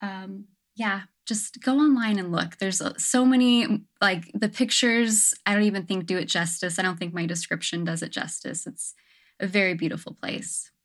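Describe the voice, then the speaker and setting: A young adult woman at her home on an island talks casually and thoughtfully as an interview guest, peppering her speech with "um" and "like." She speaks at a moderate pace in a medium-pitched voice.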